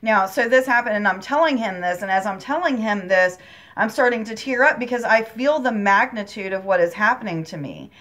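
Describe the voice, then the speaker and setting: A woman's voice: mid-range voice, lively intonation, a little fast, a bit bright. A woman talking directly to her viewers about a spiritual experience, earnest and emotional, rambling and repeating herself, calling them guys. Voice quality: emotional, near tears at times, earnest. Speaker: spiritual channel host. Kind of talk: personal spiritual talk to viewers.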